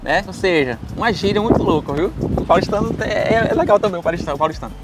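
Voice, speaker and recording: A man's voice: sits high, expressive, fast talker, loud music behind the voice, poor audio. A man from Ceará with a Northeastern Brazilian accent, answering questions in a casual street interview, chatty and hesitant with many fillers. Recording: loud outdoor noise with boat engines.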